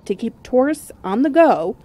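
A woman's voice: a little high, very animated, normal speed, mellow, a little hiss or hum. A woman reporter reading scripted narration for a news feature.

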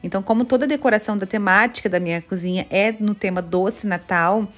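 A woman's voice: mid-range voice, fast. A Brazilian woman with a Brazilian Portuguese accent, chatting enthusiastically as she shows home decorations, gushing over each item. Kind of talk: casual chat. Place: home kitchen, indoors.

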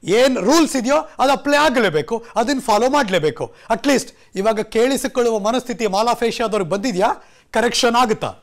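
A man's voice: very high voice, animated, fairly quick. A man anchoring a TV news bulletin in a studio, talking in an emphatic, conversational way and dropping in English phrases.

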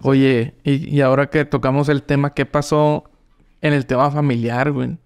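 A man's voice: mid-range voice, flat delivery, normal speed, clear, resonant tone. A man with a northern Mexican accent hosting a podcast, chatting casually and dropping slang into nearly every line. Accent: northern Mexican (Monterrey). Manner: slangy, says güey constantly. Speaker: podcast host. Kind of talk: casual chat.

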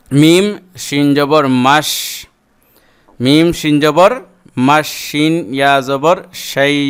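A man teaching Quran reading with a Bangladeshi Bengali accent, spelling words out syllable by syllable and chanting verses in long drawn-out phrases. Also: a little high, a bit bright, clear, resonant tone. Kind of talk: slow spelling-out lesson with chanted recitation.

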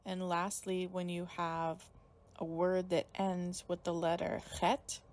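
A woman explaining a Hebrew pronunciation rule in a recorded lesson, calm and even. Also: fairly low pitch, slow. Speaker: Hebrew teacher.

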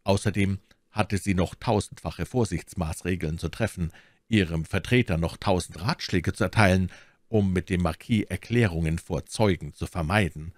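A man reading a classic novel aloud as an audiobook, expressive in his narration. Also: sits low, moderate pace, dry recording, studio quality. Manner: expressive storytelling. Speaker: audiobook reader.

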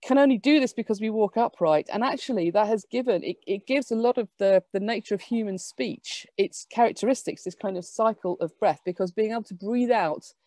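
A woman giving an academic lecture, explaining lively with quick asides. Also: mid-range voice, dry recording.

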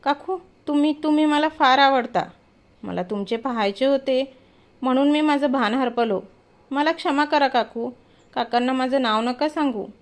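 A woman's voice: sits high, normal speed, close to an everyday voice. A woman doing a timid pleading young man. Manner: pleading, fearful. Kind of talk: storytelling.

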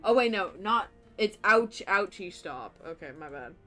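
Excitable woman streamer chatting mid-game. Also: mid-range voice, soft background music. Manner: excitable, quick bursts, giggly. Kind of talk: casual chat while gaming.

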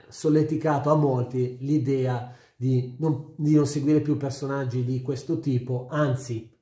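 This YouTube sports commentator, a middle-aged man, talks in a mellow, medium-pitched voice with fairly even intonation and a slightly slow pace. Speaking casually to camera from a small furnished room in his home, he offers his views emphatically and keeps repeating phrases, with noticeable indoor echo on the recording.

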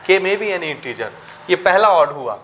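Male tutor with a Chhattisgarh Hindi accent, fairly high voice, quizzing the class as he explains, faint room hum behind. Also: very animated, fairly bright tone. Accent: Hindi-speaking Chhattisgarh. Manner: checks understanding with frequent rhetorical questions; mixes Hindi with English maths terms, dictating slowly. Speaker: maths teacher. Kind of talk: classroom lecture.

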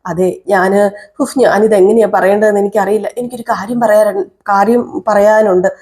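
A woman telling a TV serial's story voices an excitable young man calling for his father, agitated and pleading. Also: medium pitch, moderate pace, lightly acted. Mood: hesitant.

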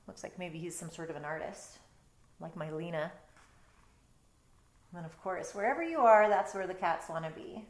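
In a bedroom at home, a middle-aged woman reads a picture book aloud like a storytime teacher, mixing in chatty, explanatory asides. Her fairly low voice moves at a normal speed with long pauses, and the room gives a roomy indoor echo.

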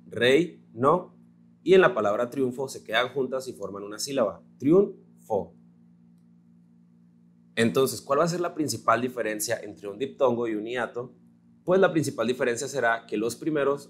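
A male teacher with a Mexican Spanish accent gives a recorded grammar lesson, slow and patient, spelling out words syllable by syllable. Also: medium pitch, slight background noise.

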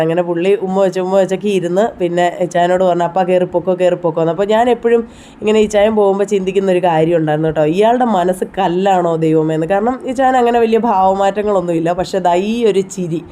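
A woman's voice: medium pitch, dark tone. A woman in her thirties with a Kerala Malayalam accent, narrating a personal family vlog in a chatty, heartfelt way. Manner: chatty, heartfelt, frequent tag "you know". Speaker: vlogger.

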